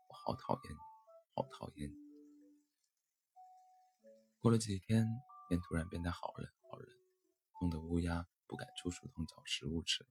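A man narrating a gentle bedtime-style story in a soft, tender manner. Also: low-pitched. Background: faint music.

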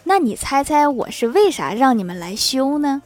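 A joke narrator with a somewhat high female voice tells a series of short comic anecdotes in a storytelling style, chuckling softly as each punchline lands. Her delivery is sing-song and moderately paced, with a little hiss or hum in the recording.

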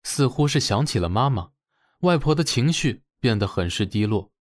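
A young man narrating a first-person audio drama and voicing its lead, with expressive delivery. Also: moderate pace, dry recording, studio quality. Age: young adult. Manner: expressive, swinging pitch.

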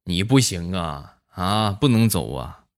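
Sly, cynical office boss in a comic monologue, smooth-talking and persuasive, played by a man. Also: low-pitched, sing-song, unhurried, full character voice. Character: cynical male boss persuading an intern to stay.

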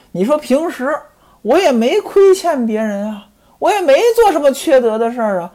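Brief: a grieving rich man, heartbroken and self-pitying, crying out in a lively, rising and falling voice, a storyteller doing the part. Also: mid-range voice.

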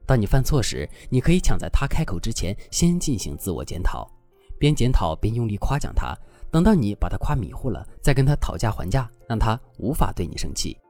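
A man's voice: lowish voice, brisk, faint music behind. A man giving dating advice in scripted, instructive narration. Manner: instructive, expressive.

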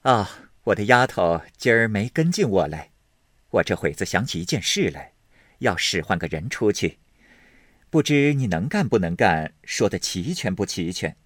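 Male reader as noble young mistress, brisk and commanding, animated delivery. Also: fairly low pitch, no room sound, clean studio sound. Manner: brisk, bossy, talkative.

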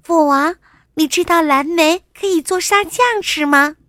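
A woman voicing a stubborn, excited little princess, shrill and loud in a children's storybook. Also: measured pace, dry recording, studio quality, exaggerated voice. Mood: cheerful. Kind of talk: storybook character voice.

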